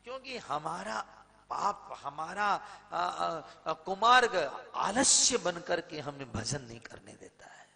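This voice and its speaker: A man preaching a slow, emphatic sermon with a light tinge, retelling devotional stories and rising into chanted verse. His voice sits fairly high with a gravelly, bright edge. The sound carries the long reverb of a large hall. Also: sing-song. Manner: dramatic storyteller, slow and emphatic, swells loud when sung. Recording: reverberant hall, slightly distant.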